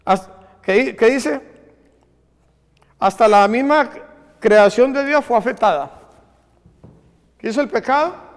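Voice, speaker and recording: High-voiced preacher in a reverberant hall. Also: male voice, expressive, slow, long pauses. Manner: asks the congregation questions and answers them. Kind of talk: sermon. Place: church hall. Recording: long reverb of a church hall.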